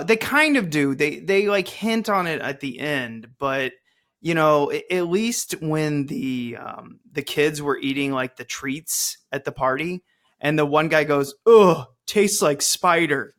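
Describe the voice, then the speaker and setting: Podcast host guy, rambly jokey movie review talk, kinda high and bright. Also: a little slow. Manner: jokey, rambling, swears casually. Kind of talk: casual movie review chat.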